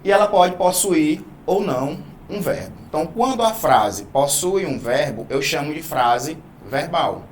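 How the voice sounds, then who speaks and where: A man's voice: fairly high pitch, animated, unhurried, hardly any pauses, slight background noise. A man teaching a Portuguese grammar video lesson, explaining patiently, drawing out key words and checking in often with "né?" and "tá?". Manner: didactic, stretches key words, frequent "né?" and "tá?".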